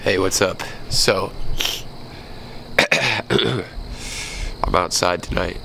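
Outdoors at night with crickets in the background, a young man in his twenties vlogs into a handheld camera held at arm's length. Stuffed-up and earnest, he talks reflectively and rambles with restarts. His low voice has fairly even intonation, extreme slowness, and vocal fry, and there's background noise.

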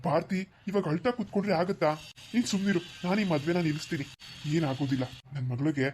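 A woman's voice: lowish voice, fast, a little mellow, slight background noise, natural voice. A woman voicing a stern, protective middle-aged father in a cartoon, firm and commanding. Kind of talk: cartoon voice acting.

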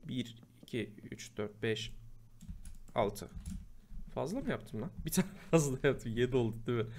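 Guy chatting through a minecraft build, yells at mobs sometimes, keyboard typing in background. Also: medium pitch, expressive, normal speed, slight background noise. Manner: chatty, bursts into loud exasperated shouting at mobs. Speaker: gameplay host. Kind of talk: casual Minecraft let's play commentary.

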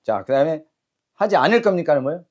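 A man teaches an English lesson lecture-style, brisk and commanding, calling out cues and having the class repeat phrases. His voice is a little high and animated.

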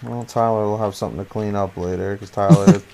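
A man giving casual commentary on his gameplay, excitable and prone to swearing and sudden exclamations. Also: lowish voice, a little fast, gravelly. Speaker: gaming channel host.

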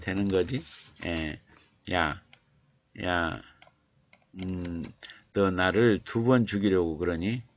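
A man's voice: low voice, highs cut off. A male writing instructor reading a viewer's essay aloud on a live stream, repeating phrases and adding murmured "yes" asides as he edits. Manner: slow halting reading, repeating phrases while editing.

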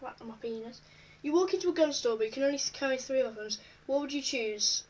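High-voiced woman chatting through a quiz. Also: brisk, a little mellow, far from the mic, rough recording. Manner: chatty, reads questions aloud and answers them offhand. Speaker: vlogger. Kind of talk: casual chat while taking an online quiz.

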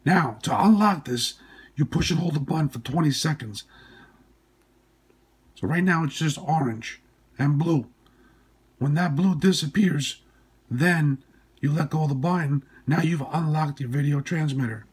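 A man with a hoarse, stuffy-nosed voice after surgery, giving informal step-by-step instructions in short, plain phrases. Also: on the high side, unhurried, pauses often. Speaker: tutorial presenter. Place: indoors at a workbench.

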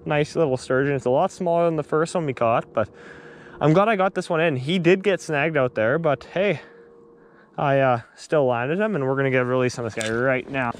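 A young man filming himself fishing on a river shore, chatting excitedly on an action camera with lots of fillers and restarts. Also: fairly high pitch, fairly quick, a little hiss or hum. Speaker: fishing vlogger. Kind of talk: casual on-the-spot fishing commentary. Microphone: action camera on body.

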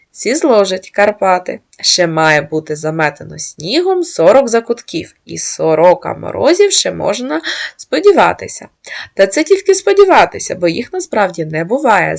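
A woman host giving a measured, scripted narration, reading aloud as if from a prepared text. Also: mid-range voice, vocal fry.

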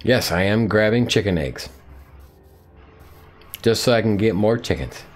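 A man's voice: on the low side, animated, measured pace, faint music behind. A man streaming a survival game live, chatting playfully to himself and to the animals on screen. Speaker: gaming streamer. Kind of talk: live gameplay commentary.

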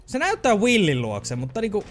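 High, excitable man gaming. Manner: frustrated, swearing, mixing English exclamations; shouting and yelping high in tense moments. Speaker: gaming video creator. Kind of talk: live gameplay commentary. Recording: game music behind the voice.

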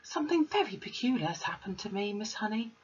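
A woman voicing a small, clever, earnest girl in a read-aloud storybook, with a breathy voice. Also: medium pitch, sing-song, fast, voice pushed up. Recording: slightly muffled recording.

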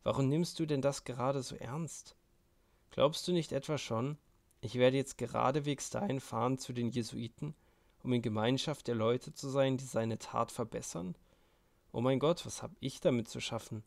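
A brooding young intellectual weighs his ideas with dry irony, as a male reader puts him on. The voice is low and gravelly, measured and cool in its delivery. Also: lightly acted. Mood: dismissive.

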